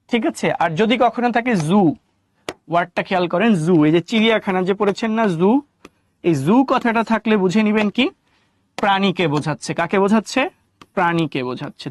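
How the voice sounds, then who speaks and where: A man's voice: high-pitched, dry recording, clean studio sound. A male science teacher giving a live online class, repeating key terms as questions and answering them himself, and reading out students' chat by name. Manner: addresses students by name, reads their chat.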